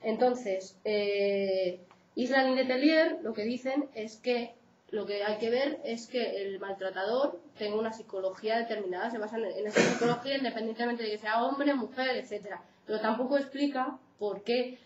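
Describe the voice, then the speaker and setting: A woman with a Spain Spanish accent lectures in a casual, conversational way, now and then checking in with her listeners. Her voice sits a little high. The recording is roomy and slightly dull, as in a lecture room. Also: normal speed, darkish tone, slight background noise. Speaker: psychologist giving a talk. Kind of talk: informal lecture.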